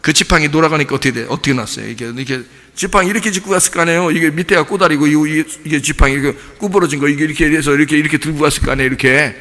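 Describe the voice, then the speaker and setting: Male pastor, bright lively delivery, church hall reverb. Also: fairly high pitch, racing, hardly any pauses. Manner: animated storytelling, acting out dialogue. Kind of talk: sermon. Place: church sanctuary.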